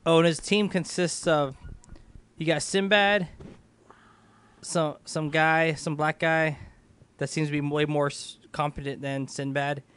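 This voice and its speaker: A man's voice: on the high side, steady tone, a little slow, long pauses, a bit bright, smooth. A tipsy man giving a casual, joking movie recap among friends, rambling, giggly and slangy, often losing his thread and backtracking. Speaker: amateur film reviewer, main storyteller.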